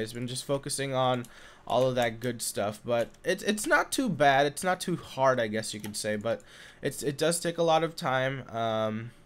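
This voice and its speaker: A young man with a stuffy nose from being sick, rambling casually over his gameplay with lots of fillers and bursts of excitement. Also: medium pitch. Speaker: gaming YouTuber. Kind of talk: casual Minecraft let's play commentary. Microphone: condenser desk mic.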